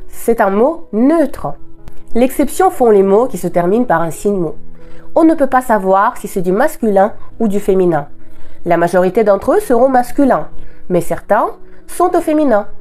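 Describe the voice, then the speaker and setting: Russian-born woman teaching a language, clear careful delivery, slows right down on example words, faint music under it. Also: mid-range voice, mellow. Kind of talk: scripted explanatory lesson.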